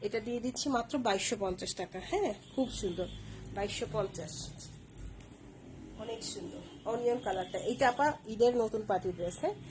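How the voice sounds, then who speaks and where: A woman's voice: mid-range voice, a little fast, a little mellow, slight background noise, rough recording. A woman hosting a live clothing sale stream, using repetitive, persuasive sales patter.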